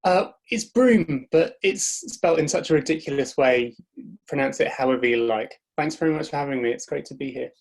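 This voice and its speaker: Gravelly man, casual and self-deprecating. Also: mid-range voice, a little fast, rough recording. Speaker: guest illustrator. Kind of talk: brief self-introduction.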